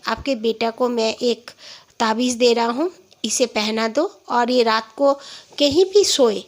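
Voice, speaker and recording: A woman with a somewhat high voice recounts a horror tale about her father in a relaxed, conversational way. She voices every character's words herself without changing into them. Along the way she hesitates and restarts, and she sinks into a quieter, slower tone for the frightening moments. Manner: retells quoted dialogue in her own voice, with fillers and restarts. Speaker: storyteller. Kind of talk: casual spoken horror story.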